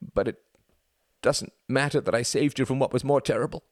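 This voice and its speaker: In an audiobook character reading, a man voices an injured older brother, sobbing and pleading in anguish as guilt breaks his strained, pitched-up voice. His tone is darkish and close to everyday, delivered at normal speed with clean studio sound and no room echo.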